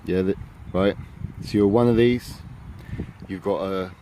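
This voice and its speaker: Man, low-pitched, rambling and filler-heavy; outdoor phone vlog with faint street noise. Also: fairly even intonation, unhurried, dark tone. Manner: rambling, filler-heavy, tags lines with "innit, yeah?". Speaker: vlogger. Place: outdoors in an urban area. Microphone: handheld phone camera.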